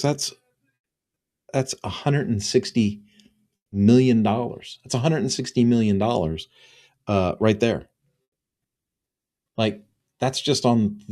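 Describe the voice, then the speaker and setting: A man's voice: lowish voice, dark tone. A man in his fifties, a business consultant talking alone to camera, earnest and repeating phrases for emphasis. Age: 50s. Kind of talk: solo promotional talk to camera.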